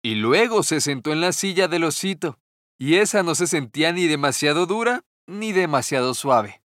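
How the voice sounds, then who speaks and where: A man narrating a children's fairy tale in a gentle, measured storytelling manner. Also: a little high, expressive, no echo, clean studio sound.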